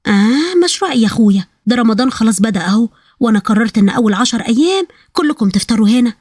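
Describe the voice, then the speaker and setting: A woman's voice: on the high side, lively intonation, racing, darkish tone, breathy edge, no room sound, clean studio sound. A woman voicing a loving but bossy older grandmother with an Egyptian accent, teasing and commanding her family. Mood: firm.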